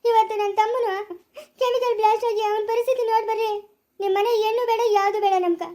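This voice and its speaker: A woman's voice: very high voice, steady tone, fast, dark tone. A woman playing an angry, tearful sister. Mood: upset, accusing. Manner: accusing, agitated. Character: angry, tearful young sister blaming others. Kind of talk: amateur family drama.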